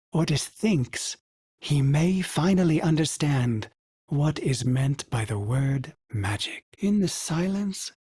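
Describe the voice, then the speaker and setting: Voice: darkish tone, slightly rough, no room sound. Ordis, a glitchy, courteous ship AI. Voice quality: formal, speaks of himself in third person. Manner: courteous, dry wit, sudden pitch jumps. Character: polite, fussy male starship AI, wistful. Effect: glitchy synthetic voice filter. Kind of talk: game character voice lines.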